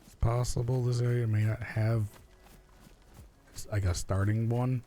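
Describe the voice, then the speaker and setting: A man chatting casually as a fellow player in a survival game, explaining things in a relaxed way with filler words. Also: mid-range voice, a little slow, a little hiss or hum. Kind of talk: casual gaming chat.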